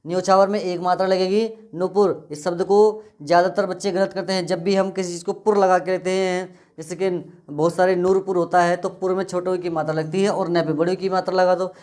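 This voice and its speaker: A male teacher giving an exam-prep spelling lesson, drilling words by repeating them in a steady, methodical way. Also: high-pitched, brisk, few pauses.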